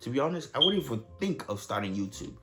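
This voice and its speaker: A man's voice: mid-range voice, very animated, fast talker, over loud music. A young man from Nigeria telling his story to camera in a casual, joking, profane way. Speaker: vlogger.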